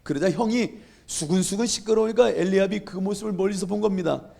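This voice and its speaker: Brief: male pastor, high and gravelly, lively sermon with rhetorical questions. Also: fast talker. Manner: asks the congregation rhetorical questions; acts out Bible scenes.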